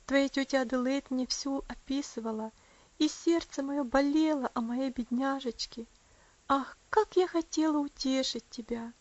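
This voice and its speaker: A woman voicing a gentle, affectionate young woman in an audiobook, speaking tenderly and soothingly. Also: high-pitched, moderate pace, dry recording, highs cut off, lightly acted. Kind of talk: audiobook character voice.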